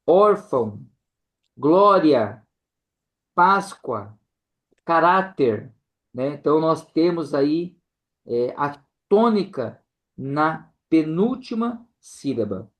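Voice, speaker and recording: A man teaches a casual lesson to a church group, tagging nearly every phrase with "né?". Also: a little high.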